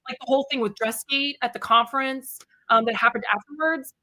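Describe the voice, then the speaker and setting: A young woman telling stories in a casual chat, full of fillers and lively acted-out quotes. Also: high voice, brisk, no echo, poor audio. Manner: chatty storyteller, many fillers, animated quotes. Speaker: co-host.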